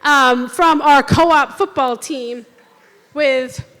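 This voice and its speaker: A woman's voice: high-pitched, extremely slow, fairly bright tone. A woman hosting a school athletic awards night, reading out teams and honors with some fillers. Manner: upbeat, announcing lists with fillers. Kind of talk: speaking at a podium to an audience. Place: school hall or gym. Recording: reverberant hall.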